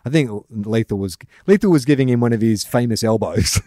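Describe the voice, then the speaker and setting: A man co-hosting a comedy sports podcast, reading listener questions with wry, deadpan asides. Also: mid-range voice, brisk, no room sound, clean studio sound. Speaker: podcast co-host. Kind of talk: casual comedy chat.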